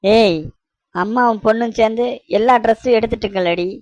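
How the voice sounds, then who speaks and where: A woman's voice: a little high, fairly quick, a little mellow, dry recording, lightly acted. A woman voicing a bewildered, grumbling young husband in a cartoon, complaining sarcastically. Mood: exasperated. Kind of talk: cartoon voice acting.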